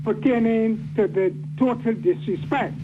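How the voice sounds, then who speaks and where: A man calling in to a radio show, speaking in a formal, flowery, deliberate way. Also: high-pitched. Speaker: caller. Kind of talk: phoned-in radio comment. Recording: dull lo-fi phone line with noise.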